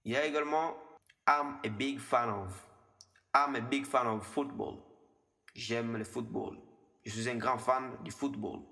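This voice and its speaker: Guy in his 20s teaching english, says the examples slow and twice, echoey reverb-y room. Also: mid-range voice, steady tone, gravelly, sharp tone. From DR Congo. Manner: slows down and repeats the English example phrases. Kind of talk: language lesson explained in French.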